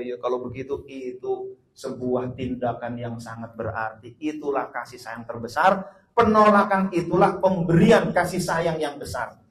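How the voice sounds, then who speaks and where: A man preaching a sermon to an audience, telling stories with animated voices and asking the crowd questions. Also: mid-range voice. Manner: storytelling with lively put-on voices and questions to the audience. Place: hall with an audience. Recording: echoey hall.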